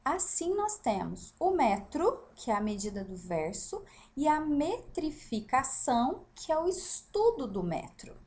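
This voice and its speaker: A Brazilian woman teaching a literature lesson with a fairly high voice that moves all over the place. She speaks slowly and patiently, tosses out rhetorical questions, and keeps checking that her students follow. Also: sing-song, darkish tone. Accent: Brazilian Portuguese. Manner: explanatory, with frequent rhetorical questions and "né?" check-ins. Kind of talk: recorded lesson on poetry.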